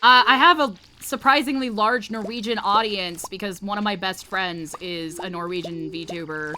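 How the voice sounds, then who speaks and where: With slight noise in the background, a woman streamer speaks at medium pitch and a moderate pace in a sharp tone. Vietnamese is her first language; she rambles casually during play, swearing and running herself down.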